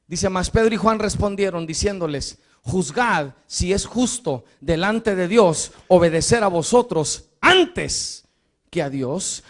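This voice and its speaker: High-voiced impassioned male preacher. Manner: impassioned, swings between shouting and hushed asides; repeats rhetorical questions to the congregation. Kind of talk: sermon.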